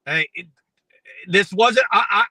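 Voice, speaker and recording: A man's voice: high-pitched, measured pace, sharp tone, slightly rough, no room sound, low-quality recording. A man co-hosting a sports show, speaking casually and arguing his points.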